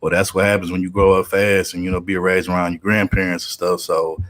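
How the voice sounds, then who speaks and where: A man's voice: sits low, little pitch movement, brisk, fairly bright tone. A man in his thirties from Houston with a Southern accent, chatting casually and rambling with many fillers. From Houston, Texas. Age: 30s. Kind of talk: casual podcast chat.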